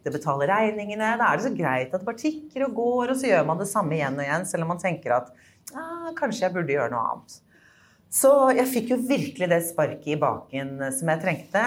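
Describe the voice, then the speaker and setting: Woman podcast host, fairly low voice that swings all over, laughs a lot, chatty. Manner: laughs often, animated and self-deprecating. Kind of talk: casual chat.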